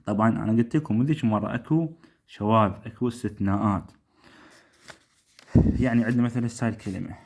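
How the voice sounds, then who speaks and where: A man with an Iraqi Arabic accent teaching English pronunciation, repeating each word slowly and often asking if it is clear. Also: lowish voice. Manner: repeats words slowly, asks rhetorical checks. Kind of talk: classroom-style lesson.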